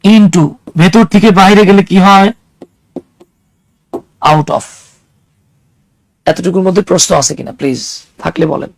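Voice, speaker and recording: A man's voice: high voice, a little slow, vocal fry, long pauses, poor audio. A man teaching an English grammar class, explaining with everyday examples and putting questions to his students. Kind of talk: classroom lecture.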